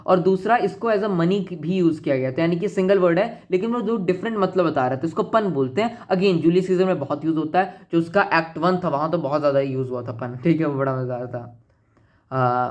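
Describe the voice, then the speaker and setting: A chatty male teacher explains literary devices in a relaxed, joking way, switching between Hindi and English as he talks. When he reads out his English examples he slows right down and sounds out every word. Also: fairly high pitch, muffled recording.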